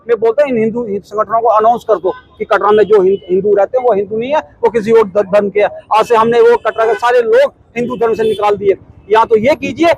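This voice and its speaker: A man's voice: very high-pitched, breathy edge, no room sound, poor audio. A middle-aged man, a protest committee member, giving an impassioned statement full of repeated rhetorical questions.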